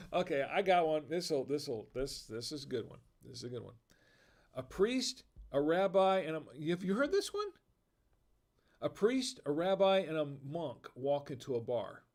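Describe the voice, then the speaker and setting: A casual live stream is hosted by an American man whose voice is on the high side and a little mellow. He cracks corny bar jokes, chuckles at them, and reads viewers' comments aloud.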